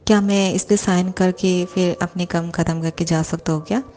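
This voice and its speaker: A shy, easily flustered young male secretary, as a woman narrator plays him. He speaks politely and anxiously in a lowish, warm voice, read out as a fan story. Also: steady tone, normal speed, natural voice.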